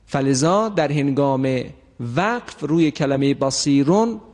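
A man teaching the rules of Quran recitation, stretching out example words slowly and putting questions to the class that he answers himself. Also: a little high, expressive, darkish tone, big-room sound. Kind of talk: tajweed lesson.

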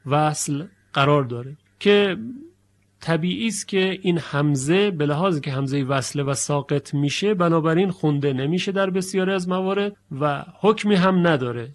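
A man teaching the rules of Quran recitation with a slightly higher voice. He explains patiently and slows down to recite example phrases clearly. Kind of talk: spoken lesson.

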